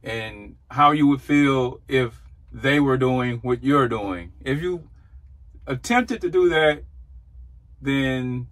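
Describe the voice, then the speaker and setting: A man's voice: medium pitch, slow, a bit bright. A man in his forties, a trucker, giving rambling, earnest thoughts from his truck cab into a dashboard camera. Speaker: trucker vlogger. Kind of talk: casual reflective talk.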